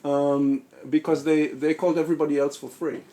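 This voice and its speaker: A man's voice: fairly high pitch, fairly even intonation, fairly quick, mellow. A man on a conference panel telling technical anecdotes in a rambling way, restarting and repeating words often.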